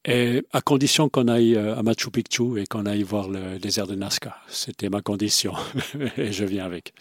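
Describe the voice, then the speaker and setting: A man's voice: on the low side, steady tone, normal speed, no echo, clean studio sound. A man telling travel stories as a guest, enthusiastic and expansive, with frequent hesitations. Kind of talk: conversational storytelling.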